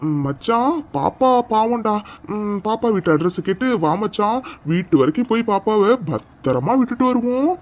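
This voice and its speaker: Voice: medium pitch, expressive, moderate pace, hardly any pauses, darkish tone, natural voice. A performer voicing a cartoon young male loafer who teases a girl in a sly, sniggering drawl.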